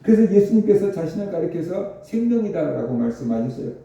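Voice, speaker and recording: A man's voice: sits high, very animated, a little fast, mellow, very echoey, recorded from a distance, low-quality recording. A male pastor preaching a sermon, explaining Scripture and asking the congregation rhetorical questions. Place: church sanctuary.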